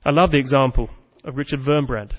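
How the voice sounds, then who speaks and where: A man's voice: medium pitch, fairly quick. A man preaching a sermon with earnest, dramatic storytelling. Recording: muffled sound with long hall reverb.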